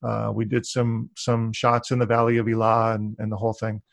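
A male interview host with a gravelly, fry-edged voice, recorded dry and close. He rambles warmly through his questions, with lots of fillers and restarts. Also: fairly low pitch, completely flat delivery, a little fast, no echo. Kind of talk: casual interview conversation.

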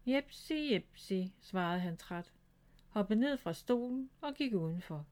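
A woman reading a children's storybook aloud in a calm, gentle storytelling way. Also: medium pitch. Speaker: storybook reader.

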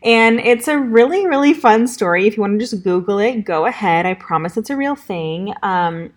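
A woman's voice: medium pitch, expressive, normal speed. A young adult woman from Southern California with a Valley Girl accent, hosting her own podcast in a bubbly, chatty way with lots of "like" and "um". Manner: bubbly, upbeat, chatty with fillers like "like" and "um". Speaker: podcast host. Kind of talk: casual solo podcast chat.

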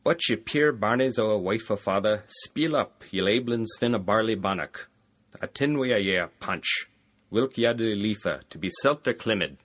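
Scottish accent, rustic farmer done by a man, halting, loud, lifted voice. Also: fairly low pitch, expressive, pitched above the performer's own voice. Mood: coaxing. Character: rustic male Megarian farmer calling to his daughters.

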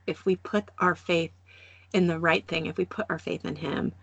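A woman in her thirties hosts a relaxed faith podcast and tells personal stories with lively energy, slipping into other voices as she goes. Her voice has a slight gravelly fry. The sound is close and dry. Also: lowish voice, normal speed, no echo. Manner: animated storytelling, acts out voices and laughs often. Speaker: podcast host. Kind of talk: casual faith podcast chat.

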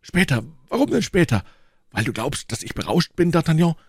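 A man playing a world-weary musketeer who drinks hard and speaks in grand theatrical turns from an audiobook. His voice swings widely up and down with a gravelly grain. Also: fairly high pitch, animated, brisk, dry recording, clean studio sound, voice pushed up. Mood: insistent. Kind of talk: audiobook character voice.

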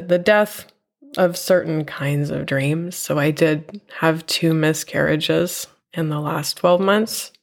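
A woman hosting her own podcast from home, talking in a reflective, unhurried way with a nasal voice from a cold. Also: sits low, gravelly. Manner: reflective, unhurried, with fillers and soft laughs. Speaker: podcast host and teacher. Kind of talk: personal podcast monologue. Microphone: home podcast mic.

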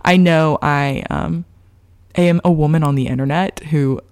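A woman's voice: low-pitched, normal speed, a little mellow, clear, resonant tone, no room sound, clean studio sound. A woman with an American valley girl accent and manner, talking casually and confessionally to her online viewers about faith, peppering her sentences with "like".

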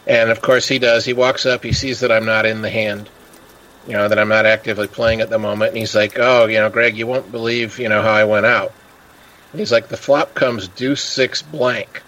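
A man's voice: on the low side, fairly even intonation, moderate pace, a bit bright, highs cut off. A man chatting casually as a podcast host, telling stories and acting out the people he quotes. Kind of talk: casual chat.

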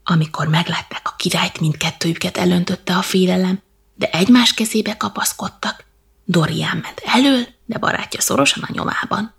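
Soft-spoken woman reading a bedtime story. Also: lowish voice, vocal fry, breathy edge. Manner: soft, half-whispered, slow.

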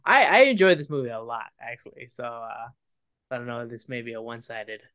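A man in mid pitch chatting casually about a film on a podcast. He rambles and restarts, leaning on fillers as he goes. The sound is dry and close, with no room around it. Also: very animated, fairly quick, fairly bright tone, clear, resonant tone, no room sound. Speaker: podcast co-host.

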